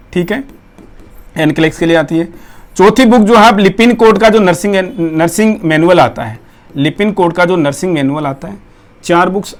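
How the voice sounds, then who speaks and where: A man, a nursing exam coach, giving a forceful, persuasive talk to his students and asking them pointed questions. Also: sits high. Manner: forceful, rhetorical, addresses viewers directly.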